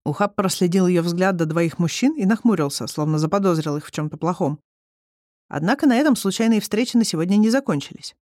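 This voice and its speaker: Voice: mid-range voice, a little fast, no echo. Dry, close audiobook narrator. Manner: even storytelling reading. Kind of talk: scripted narration.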